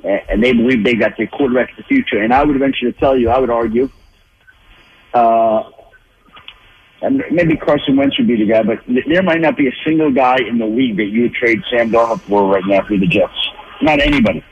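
A man's voice: medium pitch, expressive, fairly quick, slight background noise. A man calling in as a football insider, thinking aloud with lots of restarts and repeated words. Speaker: NFL insider guest. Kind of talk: phone-in sports analysis. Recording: tinny phone line.

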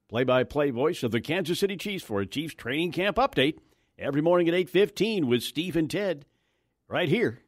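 A man's voice: medium pitch, dry recording, studio quality. An American man hosting morning radio news, reading items and adding wry, conversational asides.

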